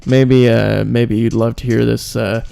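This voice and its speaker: Gravelly deadpan man hosting a comedy show. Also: medium pitch, measured pace. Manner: deadpan, self-mocking, lots of filler. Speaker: podcast host. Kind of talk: comedic monologue. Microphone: close microphone.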